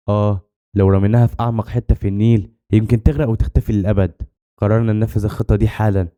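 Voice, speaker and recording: A man with an Egyptian Arabic accent narrating a horror story in the first person, with rushed, dramatic storytelling. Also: on the low side, warm tone.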